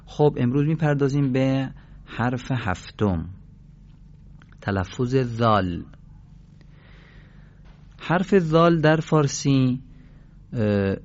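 A man teaching a pronunciation lesson for Quran recitation, explaining and then slowly drilling syllables. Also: mid-range voice, a little mellow, dull audio. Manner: slow, deliberate, drawn-out syllable chanting.

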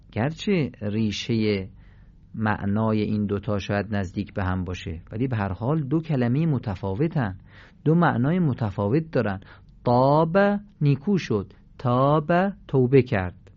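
Male radio teacher, mid-low voice, calm and patient, slightly muffled audio. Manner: patient, demonstrates sounds with emphatic repetition. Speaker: Quran recitation teacher. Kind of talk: radio lesson on pronunciation.

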